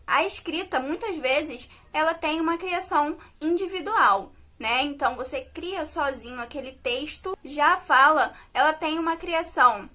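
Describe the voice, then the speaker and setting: Woman, Brazilian accent, high voice, teacher, video lesson, checks in with pupils. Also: sharp tone. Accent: Brazilian Portuguese. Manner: explanatory, checks in with "né?" and "tá?".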